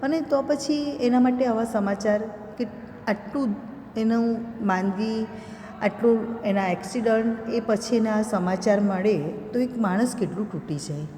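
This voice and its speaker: A woman teacher with a mellow, dark voice walks students through a story, expressive and drawn out on the moments she wants to land. She sounds like she is in a bare room with a long, ringing echo. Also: a little high, slight background noise. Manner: expressive storytelling, slows down for emphasis. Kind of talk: explaining a school literature lesson. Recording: echoey room with long reverb.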